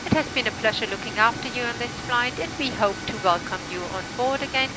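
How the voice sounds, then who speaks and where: A woman playing a courteous flight attendant, giving formal, measured scripted cabin announcements. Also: fairly high pitch, lightly acted. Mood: polite, formal. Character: courteous female airline cabin crew member. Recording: loud aircraft cabin noise. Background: loud steady aircraft drone.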